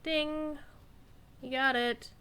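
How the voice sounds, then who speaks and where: Streamer: female, bright, somewhat high voice, casual playful commentary, faint noise with game ambience. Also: steady tone, very slow. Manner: chatty, thinking aloud, playful exclamations. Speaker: gamer, streamer.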